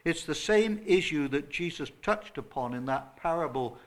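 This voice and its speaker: Earnest pastor preaching. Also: male voice, fairly high pitch, animated, normal speed. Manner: earnest, emphatic, rising to loud stresses. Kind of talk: sermon. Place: small church.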